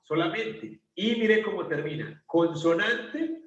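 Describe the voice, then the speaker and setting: A man with a high voice teaches an English grammar lesson, patiently putting questions to the class and answering them himself. He sounds a little far from the mic, in an echoey classroom. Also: expressive, takes it slowly, dull audio. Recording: echoey room, voice from a distance.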